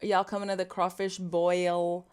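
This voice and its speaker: Fairly low and darkish, her voice comes out flat and unhurried. She's a Cajun-accented woman from Louisiana hosting a casual coding livestream, chatting away as she reads viewers' comments aloud and riffs on them.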